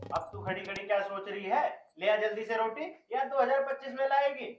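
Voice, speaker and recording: An actor playing a hot-tempered young village husband, who scolds loudly and shouts in exasperation. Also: male voice, high voice, flat delivery, a little fast, dull audio, soft background music, lightly acted. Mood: grumbling. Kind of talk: rural comedy film acting.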